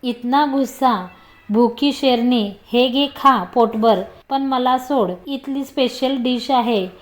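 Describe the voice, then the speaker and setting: A woman's voice: fairly high pitch, slow. A woman voicing a playful, confident young man who teases and jokes as he talks. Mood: teasing. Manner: teasing, joking.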